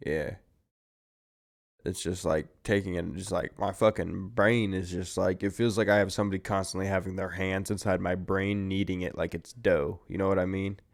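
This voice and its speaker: Young man, tired, gravelly fry, lowish voice, laid-back rambling podcast chat. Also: little pitch movement, normal speed. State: tired, yawning. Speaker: podcast co-host. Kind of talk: casual chat.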